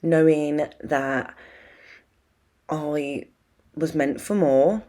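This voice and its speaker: Speaking very slowly with a warm, low-pitched voice that's slightly wheezy, this young British woman hosts a self-help video. Her manner toward viewers is informal, rambling and confiding.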